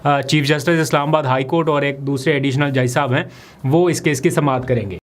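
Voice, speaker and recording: A man, a political vlogger giving brisk, explanatory analysis of the day's developments. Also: medium pitch, steady tone. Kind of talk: political commentary vlog.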